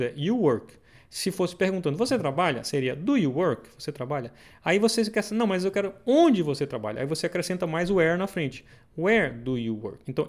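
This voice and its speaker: A male English teacher with a gravelly voice sitting a little higher than most men. He explains a lesson step by step and drags out each example question slowly so it is easy to follow. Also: a little mellow. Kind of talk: recorded language lesson.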